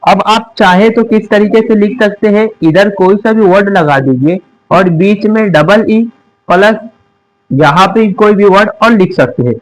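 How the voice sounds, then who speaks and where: A young man with a Hindi accent, speaking in a high-sitting voice at a slightly slow pace, teaches English on a rough recording. He repeats each word as a question and then answers it himself.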